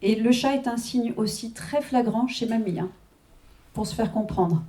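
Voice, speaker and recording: A woman's voice: on the high side, normal speed, dark tone. A woman working as a medium at a live reading, chatting with the audience, checking in constantly and laughing often. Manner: chatty, constant "hein" and "d'accord" check-ins, frequent laughs.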